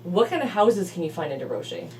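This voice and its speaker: A woman's voice: on the low side, huge pitch swings, fast, darkish tone, far from the mic, slight background noise, low-quality recording. A woman hosting a casual interview, chatty, with lots of follow-up questions. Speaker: real estate video host.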